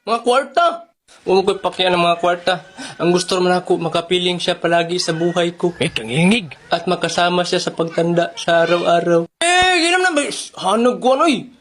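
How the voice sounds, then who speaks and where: A performer acting out comedy skits alone, playing every part and jumping between voices with animated delivery. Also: medium pitch, fairly quick.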